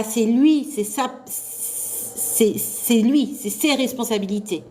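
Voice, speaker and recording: A woman leads a live revision class for nursing assistant students in a loud, carrying voice. She talks slowly and sits a little high in pitch, chatty and encouraging as she quizzes her class.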